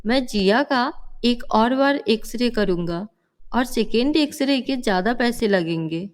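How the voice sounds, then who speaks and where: A woman voicing a brisk, businesslike male doctor in a cartoon story, giving instructions. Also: fairly high pitch, animated. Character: businesslike village doctor, grown man.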